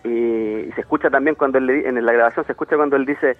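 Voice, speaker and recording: A man with a Chilean accent tells his account at a rapid clip, acting out what others said as he goes. He comes through a thin, tinny phone line with no room sound around him. His pitch sits in an ordinary middle range. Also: steady tone, no echo. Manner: rapid retelling full of quoted dialogue. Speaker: interviewee on a radio call.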